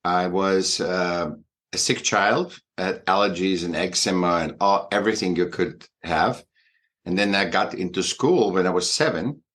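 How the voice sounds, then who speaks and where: A man in his sixties with an Austrian accent speaks in a fairly low voice. He talks in a halting, emphatic way, stopping to restart his thoughts. His speech is full of fillers as he speaks as a guest in an interview. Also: a bit bright. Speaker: guest artist and educator. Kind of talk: conversational interview.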